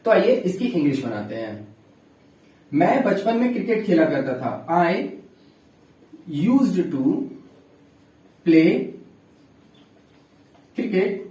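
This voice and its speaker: A man's voice: high voice, very animated, extremely slow, pauses often, dark tone, echoey room, far from the mic, rough recording. A man teaching a grammar lesson, explaining patiently and dictating example sentences word by word. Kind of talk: classroom-style grammar lesson.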